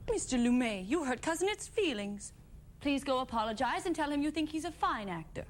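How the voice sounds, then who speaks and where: An actress playing a gracious, gently macabre wife in a sitcom, poised and coaxing in her delivery. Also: sits high, very animated, brisk, slight background noise. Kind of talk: sitcom acting.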